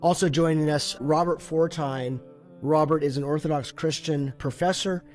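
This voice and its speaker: A man hosting a faith podcast, introducing guests in a measured, earnest way with some fillers. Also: a little high, fairly even intonation, darkish tone, soft background music. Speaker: podcast host and moderator.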